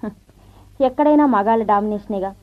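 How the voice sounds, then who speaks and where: An actress playing a confident career wife and officer in an old radio show, brisk and teasing, with the thin sound of a vintage radio broadcast. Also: female voice, medium pitch, phone-quality sound. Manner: brisk, self-assured, teasing speech with light laughs. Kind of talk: 1970s radio drama acting.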